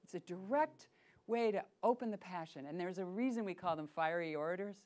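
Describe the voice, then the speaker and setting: A middle-aged woman leading a voice workshop, playful and lively, demonstrating sounds and asking her group questions. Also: on the low side, a little fast. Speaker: voice workshop teacher. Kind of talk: workshop teaching.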